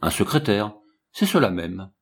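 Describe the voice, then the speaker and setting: A man reading an audiobook, voicing a small, proud old scientist who speaks calmly and gravely. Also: lowish voice, moderate pace. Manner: grave, composed, explaining. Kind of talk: audiobook character voice.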